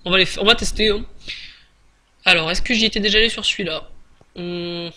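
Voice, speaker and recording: A man's voice: high-pitched, brisk, pushed and bright. A man giving casual, chatty gameplay commentary, hesitant with many fillers and restarts. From France. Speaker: gaming YouTuber.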